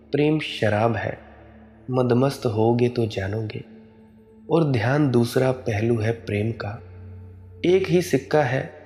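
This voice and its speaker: Male preacher, sermon, very slow delivery, mellow tone, soft music behind. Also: mid-range voice. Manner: slow, measured, admonishing. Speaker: spiritual preacher.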